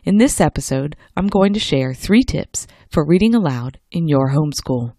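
A woman hosting a scripted how-to podcast, speaking in a clear, structured, instructional way. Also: low voice, animated, moderate pace, background noise. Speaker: podcast host.

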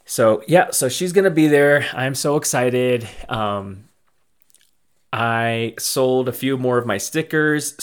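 A man hosting a podcast, giving a casual, rambling life update full of thanks, often restarting and repeating himself. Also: medium pitch. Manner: effusive and grateful. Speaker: podcast host and small business owner.

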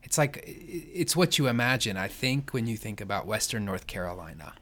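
A man's voice: lowish voice, very animated, a little fast, fairly bright tone. A man with an American accent chatting casually as a podcast co-host. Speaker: podcast co-host, church staff. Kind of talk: casual co-hosted podcast chat.

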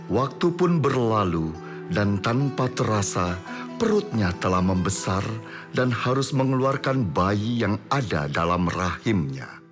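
Male narrator telling a dramatic story, slow n expressive, music behind. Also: fairly low pitch.

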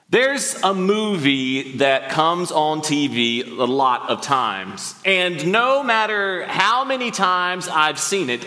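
Male preacher, fairly high and bright, joking with the congregation; long church reverb. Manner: joking, conversational preaching with the crowd. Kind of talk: sermon. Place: church sanctuary.

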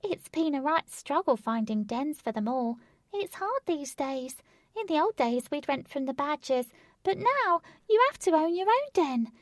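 A woman's voice: high-pitched, big pitch swings, measured pace, no echo, clean studio sound, pitched above the performer's own voice. A woman voicing a cheery, chatty male father rabbit in a storybook reading. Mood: cheerful. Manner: chirpy, homely, chatty.

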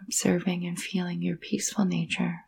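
A woman leads a yoga nidra session in a fairly low, breathy, soft voice that turns gravelly and creaky at its edges. Long pauses separate her hushed, soothing phrases, and her intonation stays gentle and fairly level.

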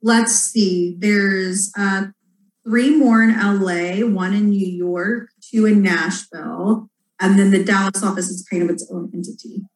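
A woman in her thirties from Houston, answering interview questions about running her PR agency in a lively, candid way. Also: medium pitch, unhurried, reverberant, low-quality recording. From Houston, Texas. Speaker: public relations agency owner.

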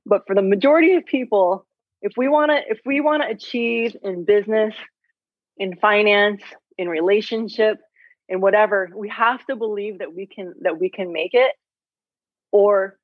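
A woman's voice: mid-range voice, moderate pace, no echo. A woman in her forties, a health coach, telling her story in an interview in a chatty way, with lots of fillers. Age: 40s. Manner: chatty, filler-heavy, animated retelling. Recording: dry, tinny phone-like audio.

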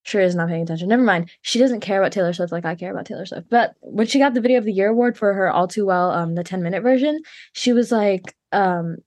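A woman's voice: mid-range voice, fast, a little mellow, no room sound. A woman vlogging in casual chat, rambling with lots of fillers and restarts.

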